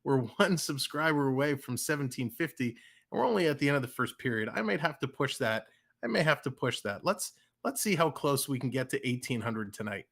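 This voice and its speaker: This man's mid-range voice is a bit bright and creaky, with lively intonation and a slightly fast pace. He's a Canadian-accented Toronto-area streamer providing casual play-by-play, chatting with viewers, reading their chat out loud and laughing often.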